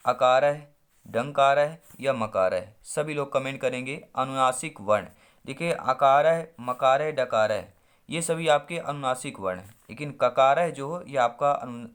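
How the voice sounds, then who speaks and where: A man's voice: fairly high pitch, fairly bright tone, smooth. Man teaching an exam-prep lesson. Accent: Hindi-speaking India. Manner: quizzing, drawing out syllables as he works through answers.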